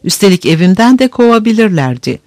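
A male audiobook narrator with a high, very animated voice, telling the story in an expressive and measured way. The sound is dry and close, on a studio mic. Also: dry recording.

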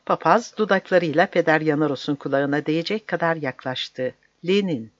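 A measured audiobook narrator with a mid-height voice, reading at an even storytelling pace. The sound is dry and close, a little dull in the highs. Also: no echo.

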